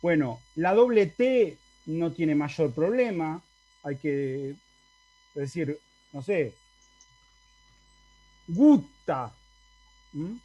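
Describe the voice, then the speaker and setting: On a lo-fi recording, a man with a warm voice on the high side speaks slowly, with lively intonation. He is teaching a university Latin class by video call in an Argentine Spanish accent, explaining each step and often checking in with students.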